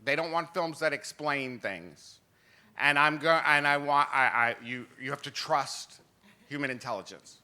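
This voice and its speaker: A man in his fifties, a film distributor speaking on a festival panel, animated, laughing often and restarting sentences. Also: a little high, a little slow. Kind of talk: panel discussion. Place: festival symposium panel stage.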